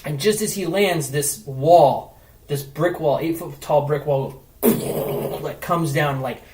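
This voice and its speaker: Slow and slightly high-voiced, this travel blogger tells a story as a podcast guest, recorded from a distance. He's animated and casual, dropping "like" and curse words constantly, over roomy echo and light hiss.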